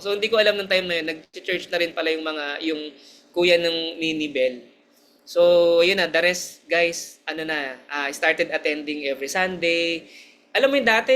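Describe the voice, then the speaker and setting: Young Filipino man, high bright voice, earnest chatty testimony with frequent laughs. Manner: earnest, chatty, mixing Tagalog and English, laughs often. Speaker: church member sharing testimony. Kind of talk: personal testimony.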